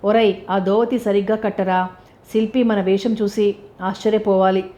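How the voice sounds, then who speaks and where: A woman's voice: medium pitch, little pitch movement, moderate pace, mellow, natural voice. A woman reading as a brash young rich man. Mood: teasing. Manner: brash, bossy, teasing. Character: impatient young rich man, teasing friend.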